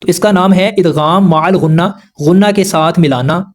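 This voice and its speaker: A man with a fairly high voice, teaching a lesson on recitation rules. He explains carefully and patiently, going over each rule again in plain words so beginners can keep up. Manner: patient, explanatory, repeats rules slowly and simply.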